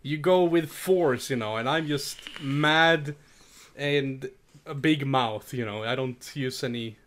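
A man's voice: mid-range voice, takes it slowly, a bit bright. A man in casual podcast chat, talking in a rambling, hesitant way and laughing often. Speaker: podcast co-host.

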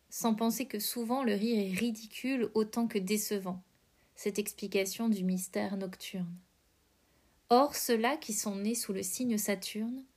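A woman hosting a podcast, reading poetry aloud with careful, measured phrasing. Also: medium pitch, darkish tone. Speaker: podcast host.

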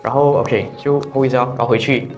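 Fast-talking young Malaysian man. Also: mid-range voice, faint music behind. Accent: Malaysian Mandarin. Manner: relaxed, mixes English words into Mandarin. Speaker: brand founder, guest. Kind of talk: casual interview chat.

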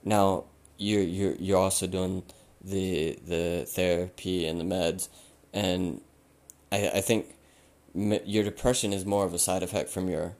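A man hosting a podcast, giving blunt, casual advice and swearing freely, while he loses his voice and keeps clearing his throat. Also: low voice, little pitch movement, a little slow, darkish tone. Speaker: podcast host.

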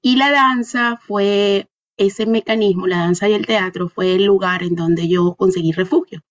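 This Venezuelan woman from Caracas, a dancer and artist, is an interview guest who reflects on her answers, pausing to find words and adding small tag questions. She speaks at a moderate pace in a mid-range voice, and the audio has its highs cut off.

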